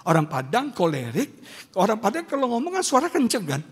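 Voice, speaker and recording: High-pitched husky man preaching. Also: a little fast. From West Sumatra. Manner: animated storytelling with sudden loud outbursts. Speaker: pastor. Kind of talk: sermon. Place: large church hall. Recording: long hall reverb.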